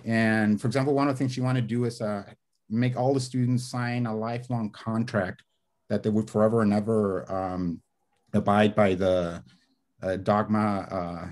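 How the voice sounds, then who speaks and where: A man with Spanish as his first language, a screenwriter guest, rambles through a relaxed video-call interview from his bookshelf-lined home study. His delivery is lowish, a touch mellow, fairly flat in intonation and at a normal speed, with plenty of fillers, restarts, and gesturing. Audio is from his webcam.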